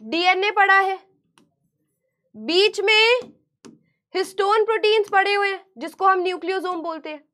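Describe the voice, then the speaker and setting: Woman teacher, really high voice, keeps asking the class back what she just said. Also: moderate pace, pauses often. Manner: animated, repeats key terms as questions to students. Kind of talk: online class lecture.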